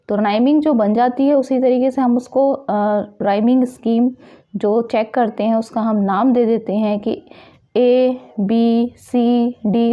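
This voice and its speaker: A woman teaching a literature lesson, reading English definitions slowly and explaining them, asking questions and answering them herself. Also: on the high side, lo-fi sound. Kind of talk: exam-prep lesson.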